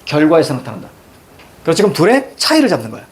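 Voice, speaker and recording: A man's voice: on the high side, wildly swooping pitch, fast, a little hiss or hum. A male teacher giving a classroom grammar lesson, questioning students and repeating key words.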